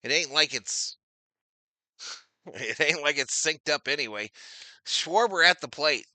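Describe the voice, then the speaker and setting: Male stream host calling baseball plays and greeting chat, tense bright tone, dead-dry mic. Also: a little high, lively intonation, measured pace, dry recording. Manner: chatty, reads out viewer names, loud on big plays. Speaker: streamer doing play-by-play. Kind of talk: casual live-stream baseball commentary.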